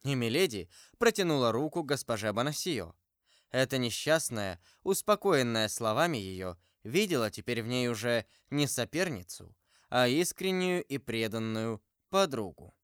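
A male narrator reads a classic novel in a smooth, resonant voice with lively intonation. The reading is expressive and literary. The recording is dry and close. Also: medium pitch, normal speed, no echo. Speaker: audiobook narrator. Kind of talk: scripted narration.

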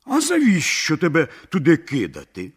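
A man's voice: on the high side, huge pitch swings, moderate pace, slightly rough, full character voice. A man voicing a greedy, gullible merchant who talks with eager scorn. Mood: scornful.

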